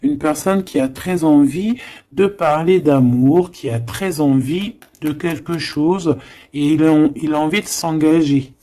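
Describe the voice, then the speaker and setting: This tarot reader speaks with a deep, mellow voice and takes her time. Her reading is talkative and forceful, broken up by frequent pauses and side comments.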